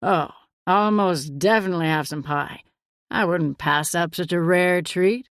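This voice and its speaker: A woman doing a slick, charming surfer dad in an audiobook, his voice pitched a little low and easy. He teases lightly and never sounds in a hurry. The read is dry and close. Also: unhurried, no room sound, lightly acted. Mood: easy teasing. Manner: relaxed, teasing. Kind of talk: audiobook character voice.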